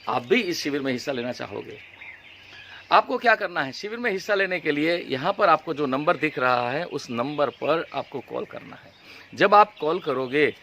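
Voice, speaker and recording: A man's voice: a little high, bright, forceful tone, slight background noise. A man who is a spiritual teacher gives a motivational talk with a story, speaking earnestly and persuasively and often calling his listeners friends. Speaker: spiritual teacher leading retreats.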